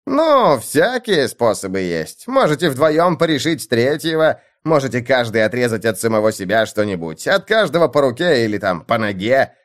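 A man doing a loud, cruel young lord. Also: mid-range voice, big pitch swings, moderate pace, few pauses, natural voice. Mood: gleeful, menacing. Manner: shouting, bullying, gleeful. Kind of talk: audiobook character voice.

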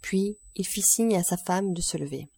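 A woman narrates a literary audiobook in a calm, even, measured way. Her voice sits low with a mellow warmth, and the close recording is dry with no room sound. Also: creaky, breathy edge, dry recording. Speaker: audiobook reader.

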